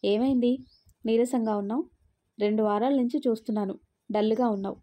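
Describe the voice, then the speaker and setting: A woman voicing a gentle, caring young husband in a spoken story. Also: fairly high pitch, fairly even intonation, brisk, close to an everyday voice. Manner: gentle, coaxing.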